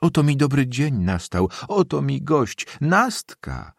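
A loud, effusive old woman, bossy and warm-hearted, fussing over her guests in a storybook reading, as a male narrator puts her on. The voice sits well above his own deep register, gravelly and husky. The recording is dry and close. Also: expressive, unhurried, no room sound. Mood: joyful.

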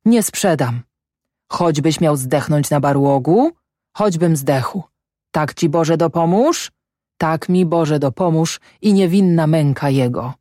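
A narrator voicing a stubborn, anguished peasant farmer in a storybook reading, speaking in rough, blunt country talk. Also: male voice, fairly high pitch, lively intonation, slow pace, dark tone, no echo, studio quality.

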